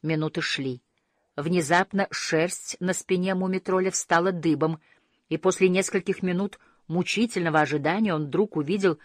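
A woman narrating a storybook in a gentle, measured reading that slows at quiet moments. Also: sits low, no echo, studio quality.

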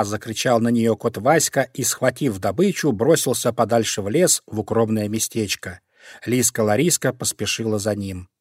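A man narrating a children's storybook in a calm, expressive manner. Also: medium pitch, slightly rough, dry recording, clean studio sound. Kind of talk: storybook reading.

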